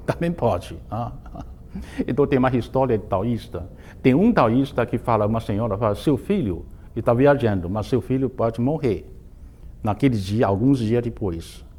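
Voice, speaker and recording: A man, a Taoist master, giving an informal spoken lesson in simplified non-native grammar, often restarting words and telling stories with sudden lifts in pitch. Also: expressive, moderate pace, mellow. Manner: storytelling with bursts of raised pitch. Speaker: Taoist master teaching a course.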